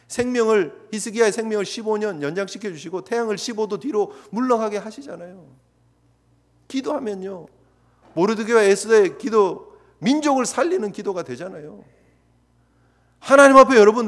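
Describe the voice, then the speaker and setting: A male pastor preaching a fervent sermon, urging his congregation and acting out prayers along the way. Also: high-pitched. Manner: fervent, exhorting, voices prayers as asides. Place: church sanctuary. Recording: long reverb of a church hall.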